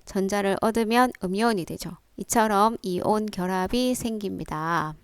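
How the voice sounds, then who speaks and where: Woman, science teacher, classroom lecture, smooth clear voice, dry close sound. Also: mid-range voice, normal speed, dry recording. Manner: step-by-step, frequent "자" prompts, rhetorical questions.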